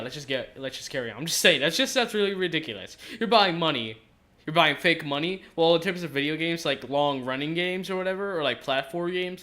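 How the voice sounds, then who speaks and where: A man's voice: on the high side, pushed and bright. A man giving casual, rambling game commentary, hesitant and self-correcting, his speech slightly off from stitches in his mouth after dental surgery.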